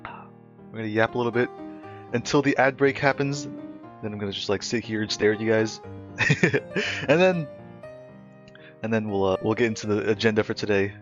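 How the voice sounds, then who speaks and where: A man's voice: on the low side, normal speed, long pauses. A young man hosting a livestream, chatting casually and telling a story, rambling and laughing often between phrases. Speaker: livestream host. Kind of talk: casual stream chat and storytelling. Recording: slightly muffled lo-fi audio, faint music.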